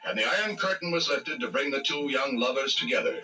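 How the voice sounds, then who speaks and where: A male announcer giving old newsreel narration in a brisk, showy announcer delivery. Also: mid-range voice. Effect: old newsreel archive sound. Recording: distant voice over loud music.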